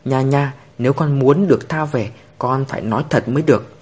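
Patient, firm policewoman, read by a male narrator; earnest, slightly breathy. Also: mid-range voice, fairly quick, a little mellow, lightly acted.

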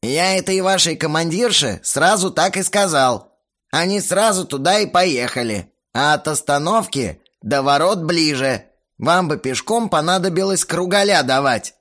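Guy doing a creaky old watchman, high and chatty, lots of swoop in the voice, storybook. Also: lively intonation, a little slow, a bit bright. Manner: chatty, explaining.

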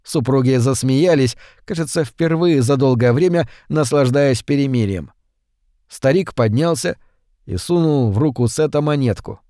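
Guy narrating a horror audiobook, steady measured reading, dry close sound, mid pitch. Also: no echo.

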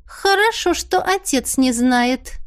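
A woman's voice: very high-pitched, expressive, unhurried, voice pushed up. A woman voicing a spoiled young woman who whines and pleads with her cousin. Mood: petulant. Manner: whining, pleading.

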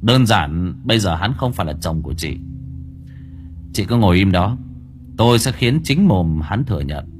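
A man's voice: deep voice, sing-song, moderate pace, long pauses, soft background music. A man voicing a cold, cocky male exorcist master who taunts and commands in an audio storybook. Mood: reassuring.

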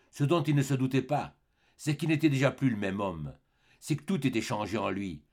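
A man reading a classic novel aloud as an audiobook narrator, with an expressive, dramatic delivery. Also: lowish voice, husky. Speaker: audiobook reader. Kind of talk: scripted narration.

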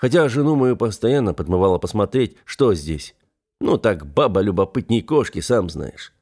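A man voicing a gruff older village blacksmith who talks stern but honest, in an audiobook. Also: lowish voice, animated, moderate pace, a little mellow. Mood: grumbling. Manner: gruff, grumbling. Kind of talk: audiobook character voice.

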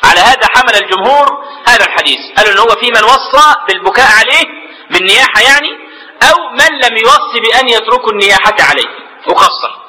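Fast, bright-voiced Egyptian sheikh lecturing. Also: male voice, extremely high pitch, in a large hall, low-quality recording. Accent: Egyptian Arabic. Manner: explains in lively colloquial asides, repeats words while searching. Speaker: sheikh teaching jurisprudence. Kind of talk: religious lecture.

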